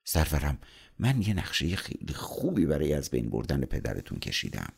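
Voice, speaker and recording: A man voicing a flattering, scheming male devil who coaxes a prince in an audiobook story. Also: a bass voice, pitched below the performer's own voice, full character voice. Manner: smooth, wheedling, coaxing.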